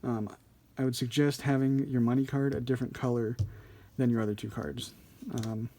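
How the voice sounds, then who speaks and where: A man's voice: mid-range voice, flat delivery, moderate pace, gravelly, dark tone. A man giving a casual hands-on tutorial as an instructor, informal and a little hesitant, thinking aloud as he explains. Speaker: card trick instructor.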